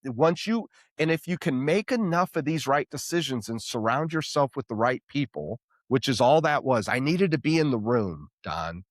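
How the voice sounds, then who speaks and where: A man's voice: mid-range voice, normal speed, few pauses, dry recording, studio quality. A man hosting a podcast, telling a story in casual chat and acting out the voices in it. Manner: animated storyteller, acts out quoted voices. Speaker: podcast host.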